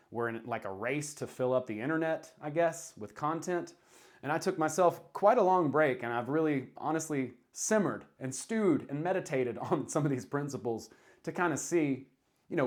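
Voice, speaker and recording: A man speaks in a mid-range voice with a Southern US drawl. He explains things informally, as a video creator talking straight to viewers. His delivery is conversational, with emphasis on the points that matter to him. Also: mid-range voice. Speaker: self-help video creator. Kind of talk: casual explanatory talk to camera.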